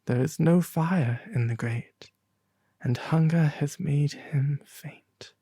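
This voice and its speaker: A man voicing a sorrowful, compassionate prince statue in a storybook, soft and breathy, gently pleading. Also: on the high side, slow, no echo, heavily acted. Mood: tender, sorrowful.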